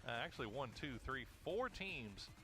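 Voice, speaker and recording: Male esports caster, mid-pitched, easygoing play-by-play with music underneath. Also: normal speed. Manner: relaxed, uses many filler uhs. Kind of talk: live play-by-play commentary.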